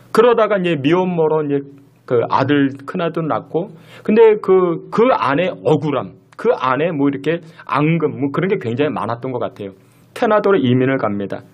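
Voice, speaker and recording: A middle-aged male pastor preaching a sermon. He tells a story and speaks to the congregation directly. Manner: storytelling with lively pitch swings, addressing the congregation directly.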